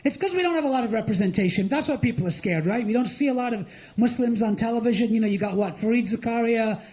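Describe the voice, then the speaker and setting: High-voiced man doing animated stand-up. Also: fast talker. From India. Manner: animated, mocking, with lively acted-out asides. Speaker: stand-up comedian and host. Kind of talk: stand-up comedy set. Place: live comedy show before an audience.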